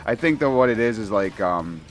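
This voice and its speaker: A man's voice: lowish voice, expressive, brisk. A man rambling casually and profanely while playing a shooter game, laughing often, at a home gaming setup with faint game music behind him. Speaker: gaming commentator.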